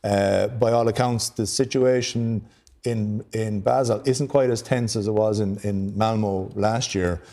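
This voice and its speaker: An Irish man gives his view on a television debate panel. His voice sits low and sounds dark and mellow. He often stumbles and restarts his sentences before finding the thread. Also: steady tone, measured pace. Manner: hesitant, many restarts and repeated words. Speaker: newspaper editor panelist. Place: television studio.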